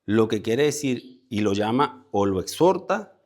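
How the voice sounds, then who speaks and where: A man's voice: lowish voice, sing-song, unhurried, darkish tone. A man leading a Bible study before a congregation, explaining word meanings step by step and repeating key words for emphasis. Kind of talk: conversational Bible teaching. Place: church meeting with a congregation present.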